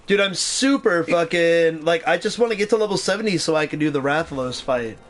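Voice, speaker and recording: A young man streaming a game, chatting casually and excitedly, swearing freely and talking back to the game. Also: fairly high pitch, a little fast, soft background music. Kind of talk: casual gaming commentary.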